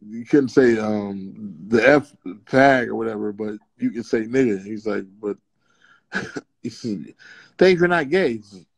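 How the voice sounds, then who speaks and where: A man who is a podcast guest, telling stories in casual chat and acting out quotes in high voices. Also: fairly even intonation, measured pace, vocal fry.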